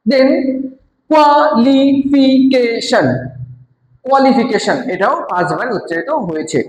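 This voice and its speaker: Bangladeshi woman teacher, lively classroom lesson voice, echoey room. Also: medium pitch, slight background noise. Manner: says syllable examples slowly and repeats them. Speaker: English grammar teacher. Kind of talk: classroom-style lesson explanation.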